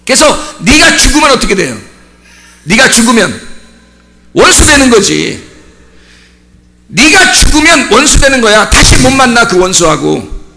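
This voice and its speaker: High, bright-voiced preaching man. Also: big pitch swings, unhurried, vocal fry, pauses often, slight background noise. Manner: emphatic preaching with repeated rhetorical questions; bursts into shouting on key points. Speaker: pastor. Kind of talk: sermon.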